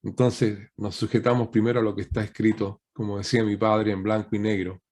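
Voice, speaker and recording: A man's voice: on the low side, flat delivery, brisk, a little mellow. A man, a guest pastor, preaching a teaching sermon over a video call, asking rhetorical questions and often ending points with a questioning tag.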